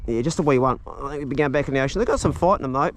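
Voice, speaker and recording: A man's voice: medium pitch, rapid-fire. A man with a broad New Zealand accent chatting casually in a laid-back, matey, slangy way as he vlogs outdoors. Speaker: vlogger. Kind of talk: casual outdoor vlog chat and commentary. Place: outdoors on a farm and small boat. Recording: loud outdoor wind and boat noise.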